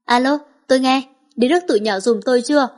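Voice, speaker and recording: A woman's voice: high-pitched, quick pace, a little mellow, close to an everyday voice. A woman reading the lines of a stern, protective young father giving curt orders. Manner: curt, commanding.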